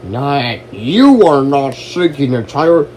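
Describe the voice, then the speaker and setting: A man in an angry, heated rant, yelling and swearing. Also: medium pitch, big pitch swings, slow, a little hiss or hum, rough recording.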